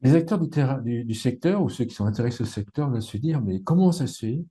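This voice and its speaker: A man's voice: mid-range voice, animated, fast talker, mellow. A man from Savoie interviewing a business founder in a conversational, slightly hesitant way. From Savoie, France. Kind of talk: casual interview.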